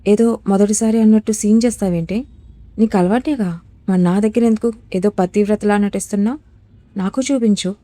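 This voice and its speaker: Woman doing an angry jealous husband, yelling and sneering, mellow low-key voice, dry close sound. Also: steady tone, brisk, no room sound, lightly acted. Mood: contemptuous. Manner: shouting, sneering insults. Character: furious jealous young husband, harsh and cruel.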